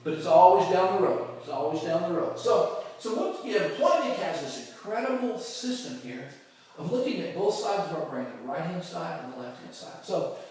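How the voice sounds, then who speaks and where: A man's voice: fairly high pitch, very animated, moderate pace, darkish tone. A man teaching a psychology class as a lecture, asking rhetorical questions and acting out everyday examples. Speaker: psychology instructor. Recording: very echoey room, far from mic.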